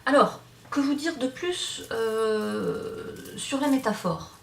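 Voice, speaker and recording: A woman's voice: fairly high pitch, lively intonation, takes it slowly, creaky, far from the mic, a little hiss or hum. A woman teaching a hypnosis course, explaining off the cuff with many fillers and restarts. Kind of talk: online lecture. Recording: roomy sound from off-mic.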